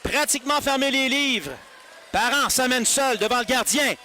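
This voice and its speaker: A male hockey commentator calls play in an extremely high, excited voice. He moves in short clipped phrases and stretches out his big calls, with noticeable arena noise behind him. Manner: clipped phrases building to drawn-out goal calls. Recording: noisy arena broadcast. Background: loud arena noise.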